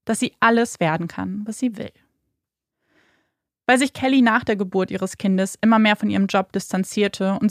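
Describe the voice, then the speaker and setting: Gravelly woman narrating true crime. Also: medium pitch, no echo, studio quality. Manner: measured, dramatic storytelling. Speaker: podcast narrator.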